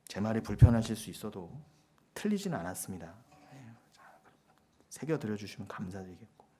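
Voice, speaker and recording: A man preaching a sermon as pastor, with forceful rhetorical questions and sudden hushed asides. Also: fairly low pitch, very animated, moderate pace, husky.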